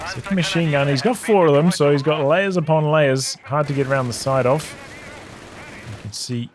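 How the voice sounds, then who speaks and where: A man giving relaxed, analytical play-by-play commentary on a strategy game replay, thinking aloud as the match unfolds. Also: a little high, normal speed, noisy background. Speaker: game caster. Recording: game battle sounds over the voice. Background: game gunfire and artillery.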